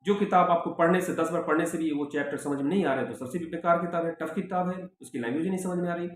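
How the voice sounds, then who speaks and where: In a very echoey room with faint background noise, a middle-aged sociology professor talks fast in a slightly high voice, handing his students direct advice and repeating it with emphatic reminders.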